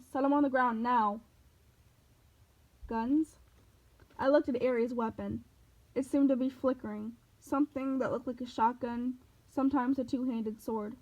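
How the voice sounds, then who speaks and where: A woman's voice: a little high, darkish tone. A woman reading a novel aloud, telling the story steadily in the first person. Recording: dull lo-fi recording.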